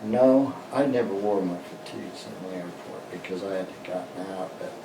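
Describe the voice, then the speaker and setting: An older American man, a veteran, remembering his past in an interview in a halting, plain-spoken way. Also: sits low. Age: older, 60s or above. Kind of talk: personal reminiscence in an interview. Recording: roomy, distant mic, noisy background.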